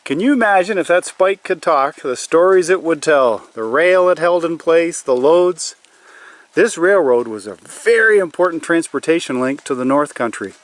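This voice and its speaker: A man's voice: fairly high pitch, expressive, moderate pace, no echo. A middle-aged man talks to viewers in an outdoor vlog, folksy and full of wonder. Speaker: vlogger. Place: outdoors in woods and a logged clearing. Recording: windy outdoor audio, far from mic.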